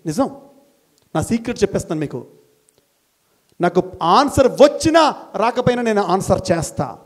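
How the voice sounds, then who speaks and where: A middle-aged man from India, a school principal, giving an animated motivational talk to college students, firing rhetorical questions and repeating key phrases for emphasis. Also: high voice. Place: college gathering, addressing students.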